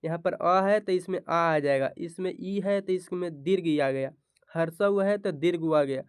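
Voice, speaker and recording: Male teacher, slightly high, smooth voice, asks and answers his own questions, close dry mic. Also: moderate pace, no room sound. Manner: repeats each question and answers it himself. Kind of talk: grammar lesson for board exam students.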